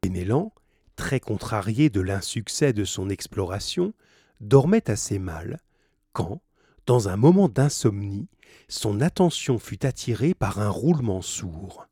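A man with a low, husky voice reads a novel aloud slowly, his pitch lively and wide-ranging. He stops now and then to put difficult words into plain terms. The sound is close and dry, with no echo.

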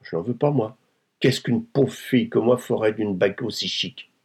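A man's voice: lowish voice, moderate pace, a little mellow, breathy edge, voice pushed up. A man reading a novel aloud and voicing an insolent, coarse blackmailing woman who speaks with mocking, overly familiar coolness. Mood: demanding. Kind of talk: audiobook reading.

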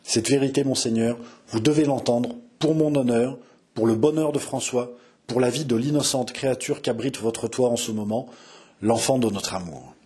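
A man's voice: medium pitch, moderate pace, warm tone, close to an everyday voice. A man reading as a dignified young noblewoman. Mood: earnest. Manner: solemn, proud and earnest. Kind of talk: audiobook character reading.

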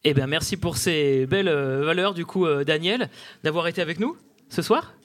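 A man's voice: on the high side, moderate pace. A man hosting a podcast interview on stage, thanking guests with hesitant, filler-heavy speech. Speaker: podcast host. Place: theatre stage with live audience.

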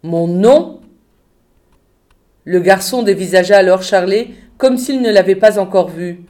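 A woman reading a novel aloud in a steady, measured way. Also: mid-range voice. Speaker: reader of a novel.

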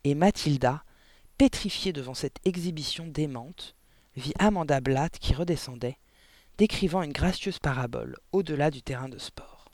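A man's voice: fairly high pitch, moderate pace, a little mellow, no room sound. Man narrating a story, dramatic. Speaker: audiobook narrator. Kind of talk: expressive audiobook narration.

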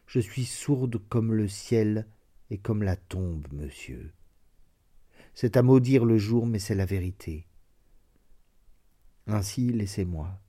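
A man reading as a despairing deaf woman. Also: fairly low pitch. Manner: soft, sorrowful, measured delivery. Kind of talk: audiobook reading of classic fiction.

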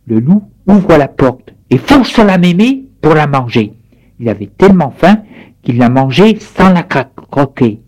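Mellow man reading a story aloud. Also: on the high side, unhurried, low-quality recording. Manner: steady, clear reading.

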